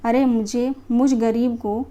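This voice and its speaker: Lady reading out a scared young disciple begging for help, soft mellow voice, kinda high. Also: steady tone, slow. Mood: pleading. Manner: pleading, read aloud from a play text. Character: doomed young male disciple, pleading and wailing.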